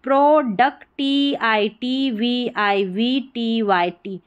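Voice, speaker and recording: A woman teaching English reading, slowly spelling each word out letter by letter and repeating it. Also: on the high side, clean tone, highs cut off. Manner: slow, patient, spells words letter by letter and repeats them. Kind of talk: spelling and pronunciation lesson.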